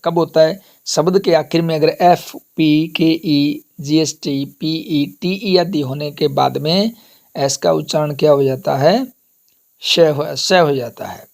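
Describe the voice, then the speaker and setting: A man teaches an English pronunciation class. His voice sits a little high and he moves slowly through word lists. He keeps asking the class a question and then giving the answer himself. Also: darkish tone. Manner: slow, repetitive drilling, asks and answers own questions.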